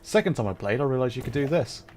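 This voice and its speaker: In his livestream of a puzzle game, a man thinks aloud in short repeated phrases, casual and self-mocking. His medium-pitched voice is expressive, fast and a little mellow.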